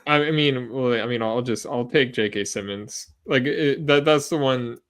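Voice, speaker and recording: A man co-hosting a movie podcast, talking earnestly in a halting casual way. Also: mid-range voice, fairly bright tone. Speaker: podcast co-host. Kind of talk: casual chat.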